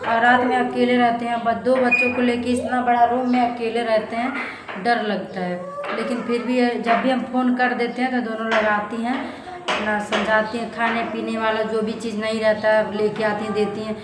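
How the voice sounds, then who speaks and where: Talking in a flat, fairly high voice at a moderate pace, this young woman vlogs about her family from inside a rented room. She's from eastern Uttar Pradesh, India, with a Bhojpuri accent in her Hindi, and she opens up to viewers plaintively and casually, repeating phrases, in an echoey space with clear background noise.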